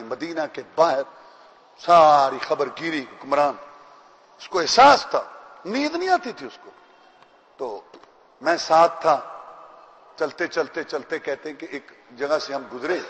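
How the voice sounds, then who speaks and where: A man preaching a sermon, telling stories emphatically and acting out the voices of the people in them. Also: fairly high pitch. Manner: emphatic, acts out quoted voices. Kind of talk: Urdu sermon storytelling. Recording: long hall reverb.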